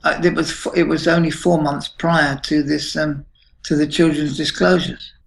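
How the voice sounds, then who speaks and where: A man in his late fifties, recounting a troubling experience in a halting interview answer with many restarts. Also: on the high side, flat delivery, gravelly, slight background noise, low-quality recording. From United Kingdom. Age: 50s. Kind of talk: emotional personal account.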